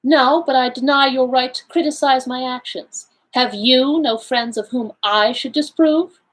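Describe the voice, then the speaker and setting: A woman's voice: sits high, normal speed, voice pushed up, rough recording. A woman voicing a cool, defiant young English wife in a storybook reading, with a clipped, icy delivery.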